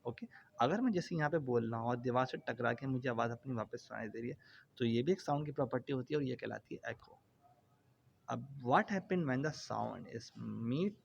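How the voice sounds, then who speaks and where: A man's voice: medium pitch, creaky. A man giving a classroom physics lecture, explaining step by step with everyday examples. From Pakistan. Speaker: physics teacher. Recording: dull lo-fi sound with faint noise.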